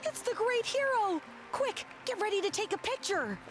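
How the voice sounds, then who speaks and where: A woman voicing an excited, admiring young festival fan in a video game, gushing in exclamations. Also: very high-pitched, normal speed. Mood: thrilled. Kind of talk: animated video game voice acting. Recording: music behind the voice.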